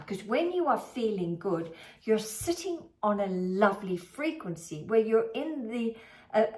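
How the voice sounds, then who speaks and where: A woman money mindset coach giving a motivational talk to camera, with slow, emphatic, drawn-out phrasing. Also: mid-range voice. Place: filming herself on camera.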